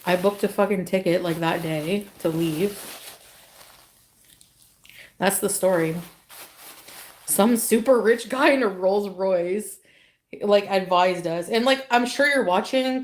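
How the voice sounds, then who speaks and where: A woman's voice: medium pitch, unhurried. A woman vlogger telling a story casually, rambling and swearing, with constant filler words. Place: clip from her own video.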